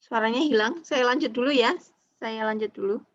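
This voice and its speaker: A woman's voice: a little high, fairly quick, dry recording. Patient woman lecturing over a dull line. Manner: patient, explains step by step, tags lines with "ya" and "gitu". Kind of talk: online accounting lecture. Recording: dull lo-fi online call audio.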